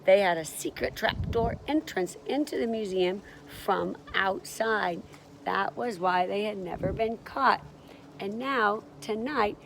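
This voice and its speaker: A woman reading a children's chapter book aloud, with lively, encouraging asides to young listeners. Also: medium pitch, a little hiss or hum. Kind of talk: children's storybook read-aloud.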